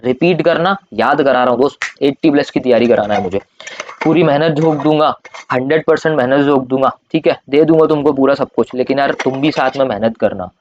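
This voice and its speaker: A young man teaching an exam coaching lecture, drilling points by loud repetition in a coaxing, informal way, his throat strained from shouting. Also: medium pitch, a little fast, dull audio. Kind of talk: Hindi-English coaching lecture.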